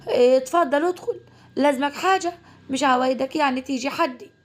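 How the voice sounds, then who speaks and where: A proud young orphan woman answers back with quick, defensive retorts in a spoken family story, as a woman storyteller plays her. Her speech rides high in pitch. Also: lightly acted.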